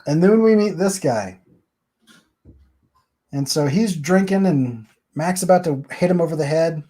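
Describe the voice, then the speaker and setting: A man's voice: on the high side, expressive, unhurried, warm tone. A man hosting a comic book review, chatting casually and rambling as he walks through the story page by page. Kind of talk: casual chat.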